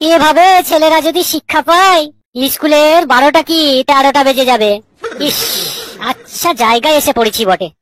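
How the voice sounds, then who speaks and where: Here the cartoon's new schoolmaster, voiced by an actor, comes across in a high, slightly bright voice at a moderate pace, recorded dry. Exasperated and incredulous, the male teacher keeps correcting everyone's English.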